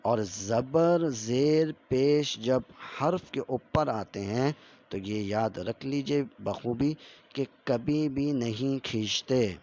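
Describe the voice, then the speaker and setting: A man teaches a step-by-step Quran reading lesson in a mid-pitched voice. He repeats each rule patiently and stretches the syllables slowly when he recites the drills. The audio sounds a little dull and lo-fi. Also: darkish tone. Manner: repeats rules over and over for learners.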